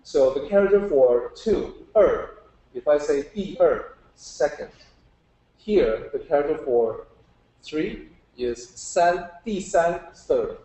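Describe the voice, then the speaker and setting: A slow, expressive, mellow voice on the high side belongs to a teacher giving a public talk. He informally explains Chinese characters step by step, patiently questioning his listeners, and the room sounds roomy and echoing.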